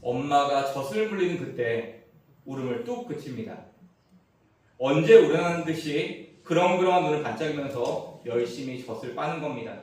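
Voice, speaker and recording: Animated pastor preaching in an echoey church. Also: male voice, a little high, moderate pace. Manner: humorous storytelling, swings from hushed to emphatic. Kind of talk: sermon. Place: church sanctuary. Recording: roomy church echo, mic at a distance.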